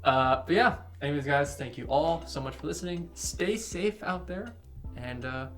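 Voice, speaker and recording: Soft music plays behind this young podcast co-host, whose voice is fairly high and a little bright. Joking and teasing his fellow hosts between topics, he wraps things up by rattling off quick plugs.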